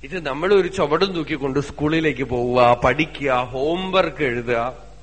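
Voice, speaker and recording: A man with a Malayali accent gives a religious discourse, asking rhetorical questions, telling stories and slowly chanting Sanskrit verses. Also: mid-range voice, a bit bright, husky, big-room sound. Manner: conversational storytelling with rhetorical questions. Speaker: spiritual teacher.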